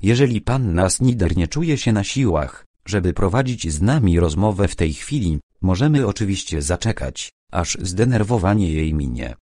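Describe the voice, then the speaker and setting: A man voicing a courteous but firm police inspector in an audiobook, measured and by turns gentle and sharp, in a low voice. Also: expressive, no echo, studio quality. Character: stern but courteous middle-aged male police inspector. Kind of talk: audiobook character reading.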